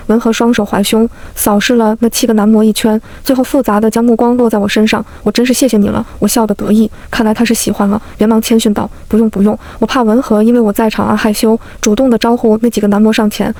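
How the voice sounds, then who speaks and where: A woman narrating a first-person romance web novel aloud, lively and voicing each character. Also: a little high, no room sound. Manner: lively storytelling, plays all the characters.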